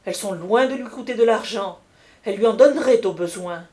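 A woman's voice: mid-range voice, brisk, dark tone, natural voice. A woman voicing a young duke who gossips slyly in an audiobook reading, mocking and knowing. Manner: sly, mocking.

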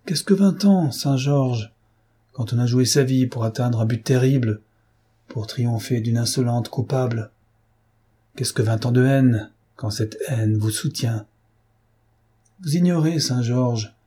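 A man's voice: medium pitch, mellow, slightly rough. A man reading aloud, voicing a bitter, vengeful older Spanish nobleman in a declamatory, brooding manner. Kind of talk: audiobook reading.

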